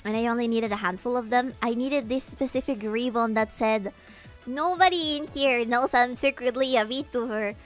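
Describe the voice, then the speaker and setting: A woman streamer chatting casually with her viewers in an animated, giggly way, her voice swooping upward when excited. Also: a little high, normal speed, soft background music. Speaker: VTuber streamer. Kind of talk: casual livestream chat, answering viewers.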